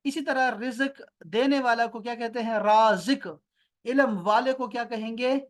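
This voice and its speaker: A man's voice: extremely high pitch, fairly even intonation. Patient man teaching over a video call. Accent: Pakistani Urdu. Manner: patient, repeats terms slowly, quizzes students by name. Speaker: Arabic teacher. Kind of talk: online class lesson. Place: home near an airport.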